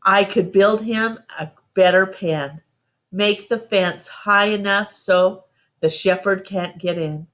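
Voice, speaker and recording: Reading from a storybook, a woman voices an earnest, stubborn eleven-year-old country boy who pleads in folksy phrases. Her medium-pitched, fairly bright voice takes things slowly.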